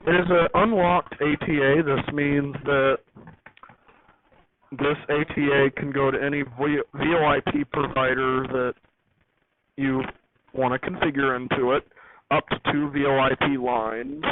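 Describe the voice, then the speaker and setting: A hobbyist host talks through a technical topic off the cuff, rambling and correcting himself along the way. His mid-range voice stays steady and unhurried. The audio is noisy and tinny, like a phone recording.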